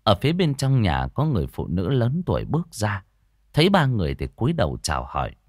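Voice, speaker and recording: A man narrating a ghost story in a measured, expressive way. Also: fairly low pitch, no room sound, studio quality.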